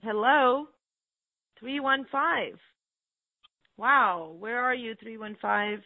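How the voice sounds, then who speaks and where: A woman's voice: fairly high pitch, slow, dry recording. A woman hosting a spiritual call-in show, speaking affectionately to callers and calling them honey and sweetheart. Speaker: host taking callers. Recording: tinny phone-like line.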